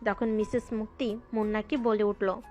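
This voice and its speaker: A woman narrating a Bengali audio love story in a steady, conversational storytelling tone. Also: mid-range voice, moderate pace. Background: faint background music.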